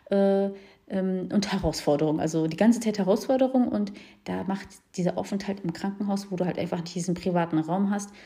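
A young woman, a new mother, frankly tells her viewers about her birth experience, pausing often with fillers. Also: mid-range voice, mellow. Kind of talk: casual personal account to viewers.

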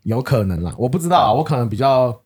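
Taiwanese Mandarin man, podcast co-host; husky, quick, chatty delivery. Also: medium pitch, lively intonation, darkish tone. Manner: laughs often, repeats words for emphasis. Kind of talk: casual chat.

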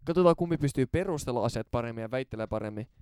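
Brief: young male podcast host, animated storyteller, smooth clear tone, dry close sound. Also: medium pitch, no echo. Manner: animated storyteller, swears, loud excited bursts. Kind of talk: casual podcast chat.

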